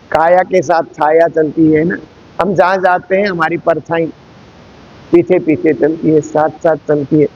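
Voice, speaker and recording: Man giving a slow spiritual talk, slightly high voice, keeps repeating phrases, muffled lo-fi stream sound. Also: creaky, a little mellow. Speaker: spiritual teacher giving a scripture discourse. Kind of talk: devotional discourse.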